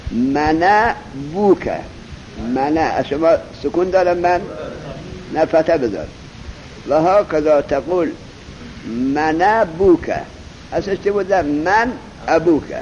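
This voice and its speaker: A man teaches a grammar class in a somewhat high voice, firing questions at his students and stretching out each example as he recites it. The recording is muffled and lo-fi, with a faint hiss underneath. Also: a little mellow. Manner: drills students with questions, slow emphatic recitation. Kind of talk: classroom lesson on Arabic grammar.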